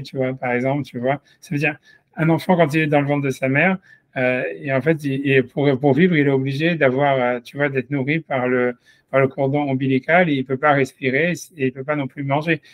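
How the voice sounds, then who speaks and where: A man's voice: medium pitch, fairly bright tone, no echo. A man giving an informal Torah lesson, rambling with many fillers and restarts as he speaks to a listener directly. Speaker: rabbi teaching a class.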